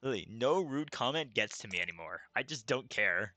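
Male streamer, casual and excitable, bright voice, swears freely, yells in tense moments. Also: medium pitch, brisk, no room sound. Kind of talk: casual gaming chat.

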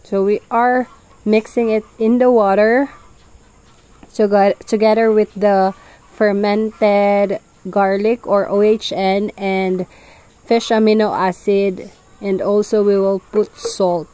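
A woman calmly explaining, step by step, how she prepares a farm fertilizer mix, speaking outdoors on a farm. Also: mid-range voice, slow pace, rough recording. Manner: calm, explanatory, plain wording. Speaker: farm vlogger. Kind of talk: instructional farm narration.

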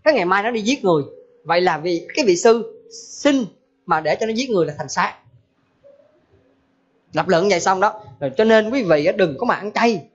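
A woman's voice: medium pitch, lively intonation, a little fast, long pauses, slightly rough. A woman giving a humorous Buddhist dharma talk in a folksy manner, full of rhetorical questions. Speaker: Buddhist teacher. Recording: dull lo-fi recording.

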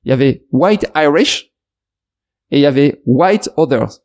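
Animated yet measured, with a darkish tone and a slightly high pitch, a Frenchman who runs an investment YouTube channel responds to a viewer's comment. His video reply digresses, restarts and fills gaps with fillers as he argues directly at the viewer.

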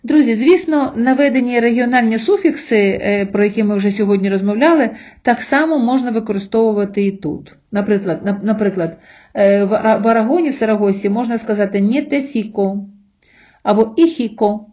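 A woman teaching a language lesson, addressing viewers as friends and sounding out words slowly, syllable by syllable. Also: fairly high pitch, darkish tone, lo-fi sound. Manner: slow syllable-by-syllable modeling of words. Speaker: Spanish teacher.

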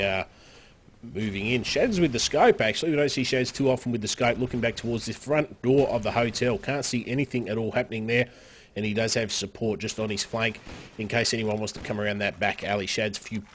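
A man's voice: on the low side, slight background noise. Man giving upbeat live game commentary. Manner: upbeat, with frequent fillers and sudden excited rises. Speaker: esports caster.

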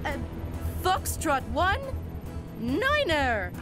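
A woman's voice: sits high, wildly swooping pitch, very slow, music in the background, heavily acted. A woman voicing a pilot who speaks with an Italian accent, calling in over a walkie-talkie radio in formal call-sign talk.

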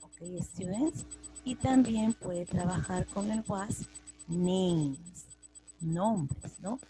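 A woman's voice: lowish voice, drawn-out words, rough recording. A woman teaching English grammar, patiently repeating each example in both languages. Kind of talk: slow classroom explanation, mixing Spanish and English.

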